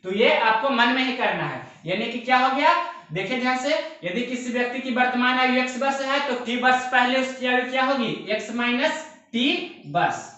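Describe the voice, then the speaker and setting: Echoey, bright-voiced male math teacher. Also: very high voice, moderate pace. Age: young adult. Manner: repetitive, step-by-step explaining with rhetorical questions. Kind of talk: exam-prep math lesson. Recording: very echoey room.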